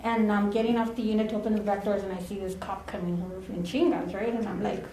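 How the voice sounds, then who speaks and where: A woman speaks at a memorial, telling anecdotes in a chatty, easygoing way and slipping Spanish phrases into her English. Her voice sits at an ordinary middle pitch. The podium mic picks up a reverberant chapel with a faint ambient hum behind her. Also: steady tone, fast, dark tone. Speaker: former ambulance partner giving a eulogy. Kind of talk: storytelling eulogy. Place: funeral home chapel.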